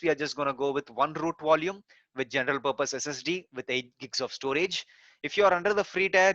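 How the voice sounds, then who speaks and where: A male course instructor gives a screen-recorded technical lesson, explaining each step with frequent "so" and "uh" fillers. His voice sits on the high side and sounds bright and forceful. It is recorded dry and close with no echo, and the tone is slightly dull and muffled.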